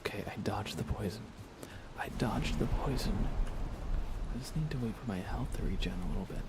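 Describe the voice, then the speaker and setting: A man with a lowish voice speaks briskly in a whispered, murmured ASMR style while livestreaming a video game, often repeating phrases in playful mock grumbling. The recording is very noisy.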